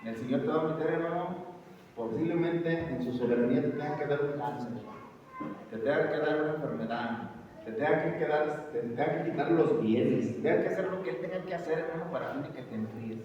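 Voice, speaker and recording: Man, higher voice, emphatic preacher, distant muffled mic, noisy reverberant hall. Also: a little fast, darkish tone. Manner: emphatic, asks the congregation questions, repeats "hermano". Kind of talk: sermon.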